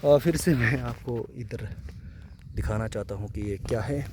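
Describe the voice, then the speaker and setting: A man narrating a walking vlog outdoors in a dense forest, chatting loudly to the camera as he goes. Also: mid-range voice, moderate pace, background noise. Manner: chatty, talks loudly to warn animals. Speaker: nature vlogger.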